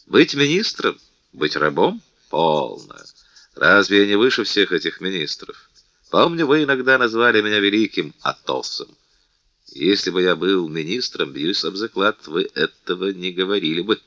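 Athos, a calm, dignified nobleman, read by a man. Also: deep voice, normal speed, no room sound, highs cut off, full character voice. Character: noble, calm, dignified count and old soldier.

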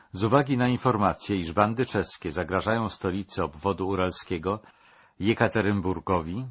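A man's voice: fairly low pitch, husky, muffled recording. A man voicing a male Bolshevik commander reading out a death sentence in a stern, official, proclaiming manner.

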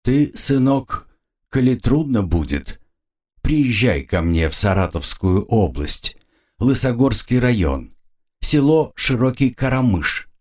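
Storybook priest, older man: husky, fatherly, curt, a man reading him. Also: on the low side, exaggerated voice. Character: calm bearded old army priest.

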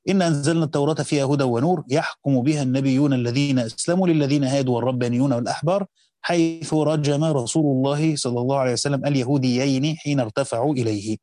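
An Egyptian teacher reads a Quran commentary, a classical text, quickly in a mellow, dark, medium-pitched voice. He slows into a conversational tone to explain points of grammar. The recording is dry and close-miked, with no room sound.

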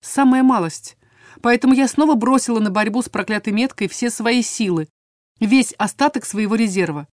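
A woman's voice: on the high side, fairly quick, no room sound, clean studio sound. Dramatic woman audiobook narrator. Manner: dramatic, expressive reading. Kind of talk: first-person audiobook narration.

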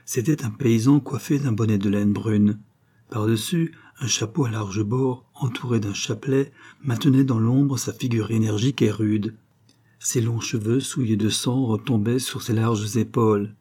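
A man narrating a historical novel in a measured, expressive reading. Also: fairly low pitch, husky. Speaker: audiobook narrator. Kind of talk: scripted narration.

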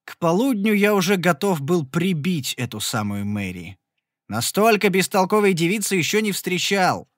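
A male audiobook narrator reading a first-person fantasy story with a lively, swinging pitch. His delivery is expressive and often exasperated, and his voice sits a little high for a man. The sound is dry and close, with no room sound. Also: moderate pace, no echo.

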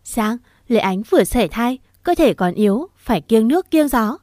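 A woman's voice: a little high, lively intonation, normal speed, darkish tone, dry recording, studio quality, lightly acted. A woman voicing a resentful older woman who scolds reproachfully.

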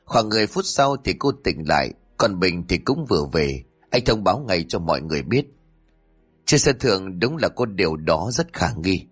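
A man narrating a dramatic story in an expressive way. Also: deep voice, normal speed, slightly rough, soft background music.

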